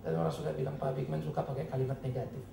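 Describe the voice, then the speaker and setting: A man preaches a sermon in a church hall, animated and mocking, jumping from loud bursts to low, earnest tones. His voice rings around the room with a roomy echo. A faint murmur of ambience sits underneath. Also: rapid-fire, vocal fry, background noise. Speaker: pastor.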